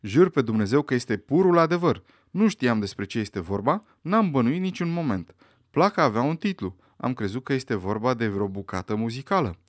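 A man reading aloud, voicing a panicky, servile middle-aged butler who pleads in a hurried way. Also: medium pitch, very animated, dry recording, clean studio sound, lightly acted. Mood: pleading.

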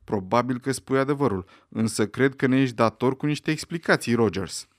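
A man reading aloud, voicing a stern, authoritative elderly judge with a dry, measured, commanding manner. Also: mid-range voice, sing-song, dry recording.

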